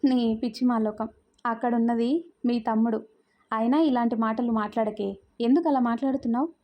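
A woman storyteller voicing a gentle middle-aged mother-in-law in a spoken story. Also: a little high, steady tone, brisk, lo-fi sound, close to an everyday voice.

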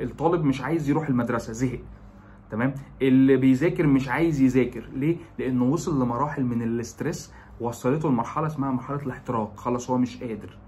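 Egyptian man, young, brisk educational presenter, fills pauses with "aah", faint hiss behind. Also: medium pitch, darkish tone. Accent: Egyptian Arabic. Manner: explains with lots of English terms and filler "aah". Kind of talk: educational talk.

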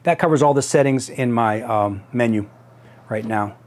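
A middle-aged man walks through a device in a casual tutorial. His voice sits at an average pitch. He speaks haltingly, thinking aloud as he demonstrates each step. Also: darkish tone. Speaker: tutorial presenter. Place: small home office room.

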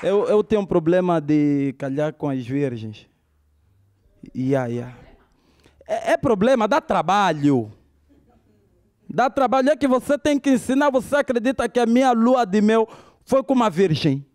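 A man's voice: high voice, big pitch swings, a little slow, long pauses, a little mellow, no echo. A man with an Angolan Portuguese accent opening a stand-up comedy set on stage.

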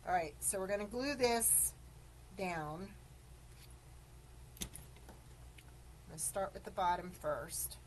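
Hosting a live-streamed craft demo, a woman with a lowish voice and lively intonation talks slowly, leaving long pauses while she explains each step and greets viewers. She keeps coughing after choking, over a low-quality recording with a little hiss or hum.

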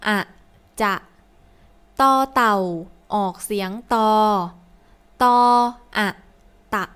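A woman slowly reading a children's story and then drilling letters and vowels aloud, word by word, as a teacher. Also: sharp tone. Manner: slow, deliberate, word-by-word reading. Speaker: teacher reading a first-grade Thai textbook.

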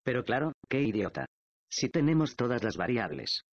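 A man's voice: medium pitch, very animated, moderate pace, no echo. A man reading the lines of a thoughtful male detective who reasons aloud, in a dull, dry audiobook recording. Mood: reasoning.

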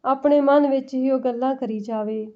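A woman voicing a sharp-tongued but caring old mother in a village family story, speaking in a blunt, scolding way. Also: high-pitched, fairly even intonation, moderate pace, natural voice. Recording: dull lo-fi recording.

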